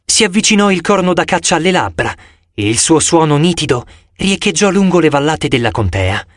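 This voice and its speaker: Expressive male audiobook narrator. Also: a little high, brisk, no room sound, studio quality. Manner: dramatic, expressive first-person reading.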